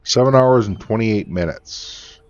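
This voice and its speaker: Sleepy low-voiced male streamer. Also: a little slow, highs cut off, faint music behind. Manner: relaxed, tired, thanking viewers. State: sleepy, yawning. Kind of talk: casual live-stream chat.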